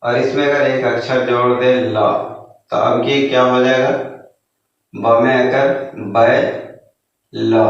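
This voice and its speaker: Male phonics teacher, slow syllable-by-syllable, muffled lo-fi sound. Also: medium pitch. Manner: slow syllable-by-syllable sounding out, frequent "ठीक है" and rhetorical questions. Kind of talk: Hindi phonics lesson for children. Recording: echoey room, distant mic, dull sound.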